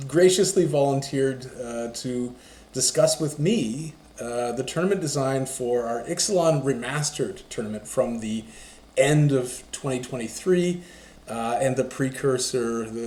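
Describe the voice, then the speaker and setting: A man's voice: medium pitch, mellow, reverberant. A man hosting a casual podcast, playful and laughing often, talking with frequent fillers. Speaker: podcast host.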